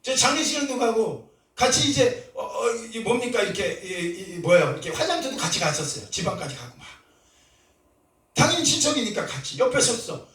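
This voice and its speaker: A middle-aged man preaching a sermon with passion, moving between soft talk and shouted cries. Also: high-pitched, big pitch swings, fairly quick. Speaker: pastor. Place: church sanctuary. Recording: roomy church echo, from a distance.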